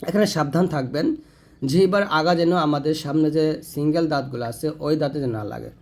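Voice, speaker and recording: A man teaching Quran pronunciation, sounding out each Arabic letter slowly and then explaining how the tongue and throat should move. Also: on the high side, creaky, darkish tone. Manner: self-corrects mid-lesson.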